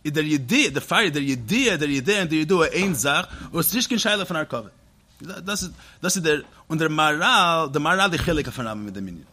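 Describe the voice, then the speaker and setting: A man giving a Talmudic-style study lecture, reasoning aloud in rapid, animated bursts with repeats and restarts, and quickly chanting quoted Hebrew texts. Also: fairly high pitch. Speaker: teacher.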